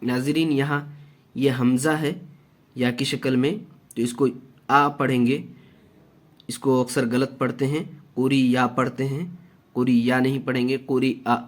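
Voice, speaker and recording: A man teaching Quran reading, spelling out syllables slowly and deliberately, with short asides to viewers. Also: mid-range voice. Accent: Indian Urdu-Hindi. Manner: slow, deliberate syllable-by-syllable drilling, even tone. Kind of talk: spelling-out Quran recitation lesson.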